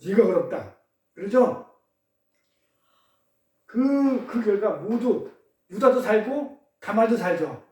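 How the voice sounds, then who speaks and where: A pastor preaching a sermon in a church service, questioning the congregation and trading answers, with pun riddles along the way. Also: male voice, sits high, big pitch swings, slow, long pauses, darkish tone. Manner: questions the congregation, call-and-response. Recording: echoey room, distant mic.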